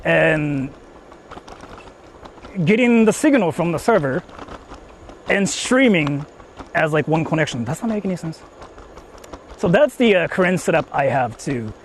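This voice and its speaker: A man's voice: fairly high pitch, big pitch swings, a little slow, long pauses, slight background noise. A man live-streaming outdoors from a phone, rambling with lots of fillers as he explains his tech setup to chat. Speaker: IRL streamer. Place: outdoors in the countryside, on the move. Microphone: phone held while streaming.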